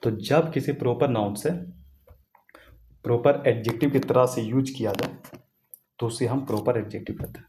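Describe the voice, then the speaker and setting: A man's voice: medium pitch, mellow, slight background noise. A man teaching English grammar in a casual classroom style, repeating points and checking that students follow. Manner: repetitive, asks students questions, writes on a board.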